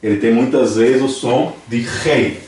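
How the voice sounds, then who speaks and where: A man with a Brazilian Portuguese accent teaching a language class, patiently repeating words slowly for his students. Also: mid-range voice, darkish tone. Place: church hall classroom. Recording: echoey church hall from far off, faint noise.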